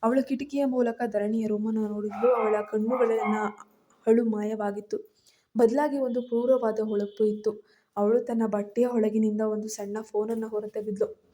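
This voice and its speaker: A woman narrating a scripted family drama story in a steady reading voice. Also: fairly high pitch, normal speed, slight background noise.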